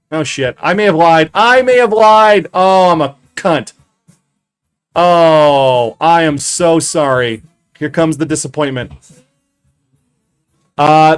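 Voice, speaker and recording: A man running a casual livestream from his basement office, swearing a lot, getting excited and then putting himself down. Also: medium pitch. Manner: profane, excitable, self-deprecating. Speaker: comic shop owner streaming.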